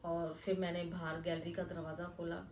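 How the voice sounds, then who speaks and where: A middle-aged woman from Delhi, earnestly retelling a frightening real-life experience in a hushed first-person way. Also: fairly low pitch, little pitch movement, moderate pace, distant mic, a little hiss or hum. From Delhi, India. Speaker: storyteller. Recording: echoey room, voice a bit off-mic.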